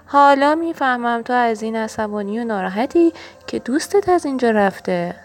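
A woman's voice: a little high, expressive, close to an everyday voice. A woman reading a storybook, voicing a caring, patient father who soothes his upset child. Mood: gentle. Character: gentle caring turtle father.

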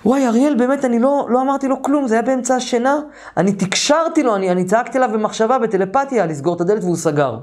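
A man voicing his startled young male roommate, excitedly remembering a night event in a high, exclaiming tone. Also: hardly any pauses, natural voice.

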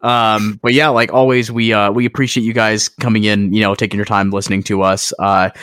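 A man co-hosting a gaming podcast, talking in a laid-back, relaxed way and thanking listeners. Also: lowish voice, fairly quick, smooth, no room sound, clean studio sound. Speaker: podcast co-host. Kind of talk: casual chat.

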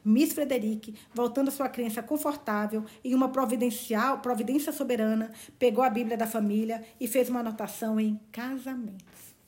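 Woman, novel reading, gushing asides, fairly high pitch. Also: steady tone, a little fast, hardly any pauses, a little mellow. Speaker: book reader.

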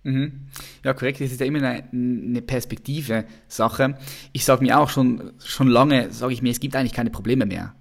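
A man's voice: medium pitch, steady tone, moderate pace, creaky. A man hosting a video call interview, talking casually and often repeating his words. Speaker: interview host.

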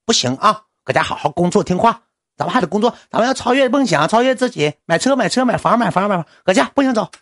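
A man's voice: expressive, fast talker, fairly bright tone, no room sound, studio quality, full character voice. A man voicing a pushy young female assistant who nags and chants motivational slogans. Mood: scolding. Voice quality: shrill, nagging, sloganeering.

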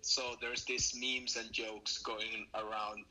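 A young adult man from Venezuela, a podcast guest talking in a relaxed way with restarts. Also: lowish voice, slow, poor audio. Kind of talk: casual interview talk.

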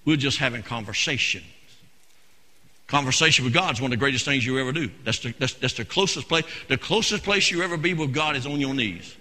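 Man, Pentecostal preacher, very bright voice, long church reverb. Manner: preaches in shouted bursts, then drops to low, conversational asides. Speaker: senior pastor. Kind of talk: Pentecostal sermon. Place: church sanctuary.

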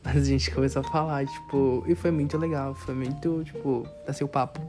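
A man's voice: mid-range voice, fairly even intonation, brisk. Chatty Brazilian young man, music behind. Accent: Brazilian Portuguese. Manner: chatty, filler-heavy retelling with lots of quoted dialogue. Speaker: storytelling vlogger. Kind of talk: casual storytime. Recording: music playing under the voice.

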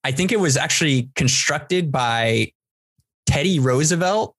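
A man's voice: fairly high pitch, animated, measured pace, fairly bright tone, no echo. A man from San Diego, a podcast co-host, telling a long story in casual chat with lots of restarts. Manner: rambling storyteller, many restarts.

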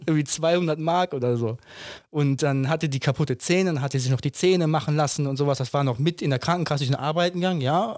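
A man's voice: fairly high pitch, darkish tone, dry recording, studio quality. A man in his thirties co-hosting a podcast, talking bluntly and emphatically in casual chat, firing off rhetorical questions and tagging his points with "ne?". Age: 30s. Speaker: podcast co-host.

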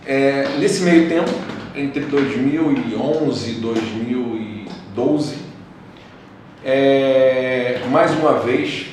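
A man's voice: mid-range voice, very slow, a little mellow. A man speaking as a guest in a casual interview, telling his stories with frequent hesitant restarts. His voice bounces around a very echoey room. He sits back from the microphone, with faint noise underneath. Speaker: guest, engineer. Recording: roomy echo, distant from mic, faint noise.

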